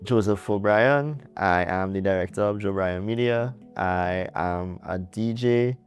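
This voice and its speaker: A man's voice: deep voice, unhurried, soft background music. A young Trinidadian man, a guest in an interview, telling his story earnestly with restarts and light laughs. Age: young adult. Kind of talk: casual interview.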